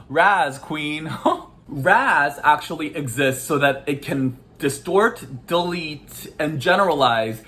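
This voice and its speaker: A man working as a life coach, explaining a topic in a casual video, talking in a playful, animated way and often laughing. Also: on the high side, slow pace.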